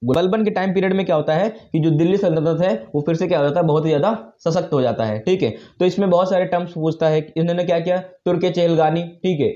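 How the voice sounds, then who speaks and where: A fast-talking man runs a casual exam-prep lesson, his voice pitched a little high but very dark in tone. He keeps checking in with "theek hai" and answers his own questions aloud. The recording sounds dull and lo-fi.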